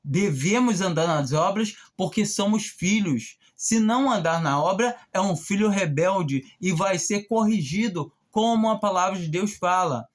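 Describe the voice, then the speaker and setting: Preacher, informal sermon, unhurried, emphatic repetition, slower for scripture reading. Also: mid-range voice, animated. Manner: slow, emphatic, repeats words and phrases for stress; reads scripture aloud more slowly and a bit louder.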